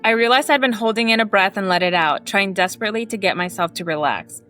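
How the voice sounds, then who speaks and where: Woman narrator, live horror reading, even tone, faint background music. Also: medium pitch, quick pace. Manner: steady narration with small self-corrections. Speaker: horror story reader.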